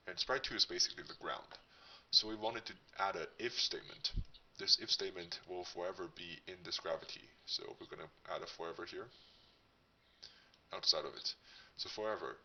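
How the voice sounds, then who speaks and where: A man hosting a casual coding tutorial, his voice disguised as a deep one by a voice changer, thinking aloud as he demonstrates. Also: a little fast, sharp tone, recorded from a distance, a little hiss or hum, poor audio. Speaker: tutorial host.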